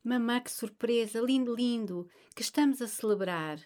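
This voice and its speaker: A woman's voice: medium pitch, steady tone, moderate pace, natural voice. A woman voicing an emotional young woman, a grown daughter who pleads and breaks into anguished outbursts. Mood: excited.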